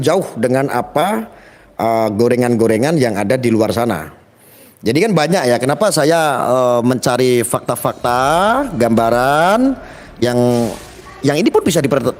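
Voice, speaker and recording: A man's voice: medium pitch, long reverb tail. A man hosting a commentary monologue, speaking emphatically, repeating himself and addressing listeners directly. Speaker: commentary channel host.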